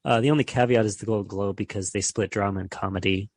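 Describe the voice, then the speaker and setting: A man's voice: lowish voice, fairly even intonation, fast talker, no room sound. A man co-hosting a podcast, chatting casually about film awards, laughing often and using lots of fillers. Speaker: podcast co-host.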